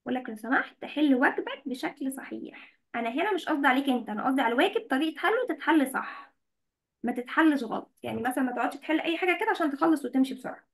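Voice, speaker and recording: A woman's voice: sits high, lively intonation, racing. A woman with an Egyptian accent teaching English vocabulary in an online class. She switches between Arabic and English and often checks that students follow.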